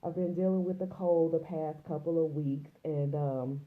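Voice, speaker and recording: Woman host, low-pitched, congested and nasal, chatty livestream delivery, muffled lo-fi audio. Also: steady tone, moderate pace. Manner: chatty, greets viewers by name. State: congested and a little nasal from a cold. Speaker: host of a live broadcast. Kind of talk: casual livestream chat.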